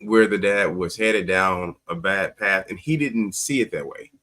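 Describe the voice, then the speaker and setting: This teacher, appearing as a talk show guest, has a low-pitched, sharp-toned voice and takes his time. In the interview he relates personal stories in a conversational way, performing quoted lines with emphasis.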